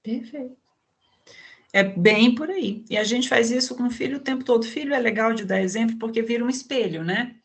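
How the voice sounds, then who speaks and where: A woman's voice: on the high side, brisk. Woman psychologist explaining with examples. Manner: explains with everyday examples, frequent tag questions. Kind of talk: conversational explanation in an online talk.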